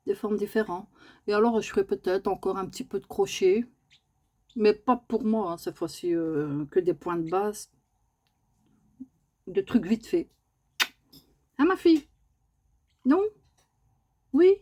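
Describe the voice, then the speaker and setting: A woman's voice: mid-range voice, steady tone, a little slow, long pauses, warm tone. A woman, chatting casually in a home vlog and often cooing at her pet bird in a raised sing-song voice. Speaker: vlogger.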